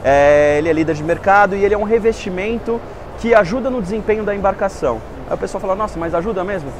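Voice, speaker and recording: A man representing a company, giving a lively, persuasive pitch with rhetorical questions at a boat show stand. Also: fast, a little hiss or hum. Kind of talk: enthusiastic sales pitch.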